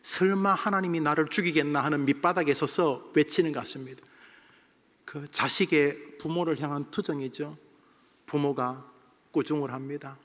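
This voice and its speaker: A fiery pastor preaches in a church sanctuary, his bright, forceful voice trailing a long hall reverb. He is a man who talks his flock through scripture and then bursts into loud, dramatic shouts to act out a quarrel. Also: fairly high pitch, fairly even intonation, normal speed. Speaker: senior pastor. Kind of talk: sermon.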